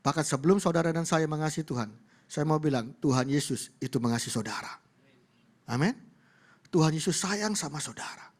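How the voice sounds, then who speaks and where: Male pastor, sermon, emphatic, slightly high voice, church in a mall. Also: brisk. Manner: emphatic, repetitive congregational address.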